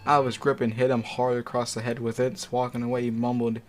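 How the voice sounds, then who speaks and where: His mid-range voice stays fairly flat in pitch and moves quickly as he reads fanfic in a relaxed way. Music plays behind him, and he breaks off now and then for profane, incredulous slang.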